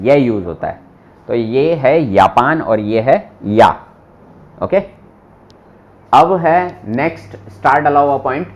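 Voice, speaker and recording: A man teaching a German class, slowly repeating each word for his students and asking them questions. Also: mid-range voice, darkish tone. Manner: slow, patient, repeats words aloud for students; asks students questions directly. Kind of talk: live classroom lesson.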